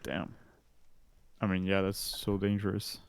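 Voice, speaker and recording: A man's voice: low-pitched, monotone, measured pace, creaky, clear, resonant tone, no echo. A man chatting on a call about a race, casual, filler-heavy, laughing and swearing easily. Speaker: fellow sim racer.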